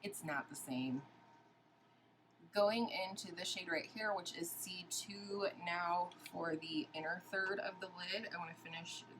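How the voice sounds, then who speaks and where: A woman's voice: fairly low pitch, a little slow, background noise. A woman beauty vlogger chatting casually while doing a makeup tutorial and asking viewers questions.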